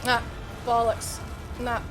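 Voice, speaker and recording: Scottish girl from edinburgh, pretty high voice, casual game stream chatter, music going behind her. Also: monotone, takes it slowly. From Edinburgh, Scotland. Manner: informal, thinking aloud. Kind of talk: casual live gameplay commentary, chatting with viewers.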